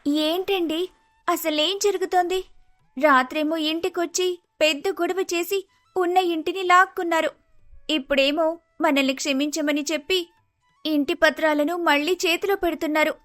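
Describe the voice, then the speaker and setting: A woman voicing a young daughter-in-law in an animated storybook, speaking in shrill, accusing complaints. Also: normal speed, pauses often, dry recording, faint music behind. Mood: bewildered. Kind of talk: storybook voice acting.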